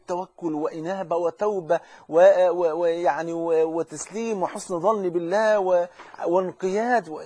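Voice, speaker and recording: A man with an Egyptian accent preaches a religious lesson fervently and urgently, addressing the listener directly and often repeating or restarting phrases. His voice is high, darkish and husky, with no room sound.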